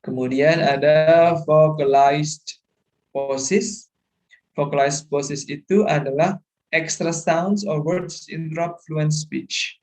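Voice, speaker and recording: A man's voice: a little high, fairly even intonation, slow pace, darkish tone. A middle-aged male lecturer, explaining course material and often checking that students follow, mixing English terms into his talk. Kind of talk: online lecture.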